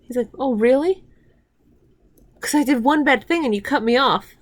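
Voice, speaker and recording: A woman's voice: high-pitched, normal speed. A woman rambling casually through a show, recapping scenes with restarts and getting heated and swearing when annoyed. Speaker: reaction commentator. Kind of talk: casual watch-along commentary.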